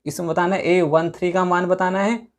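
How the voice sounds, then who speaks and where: A man's voice: high voice, level tone, fairly quick. A man teaching a maths lesson at a whiteboard, patiently repeating points and quizzing his students. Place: classroom at a whiteboard.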